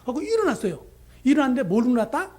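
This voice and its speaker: A middle-aged man preaching as a pastor, telling a story with animated delivery and acting out the prayers and dialogue in it. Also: very high-pitched, rapid-fire. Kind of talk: sermon with storytelling.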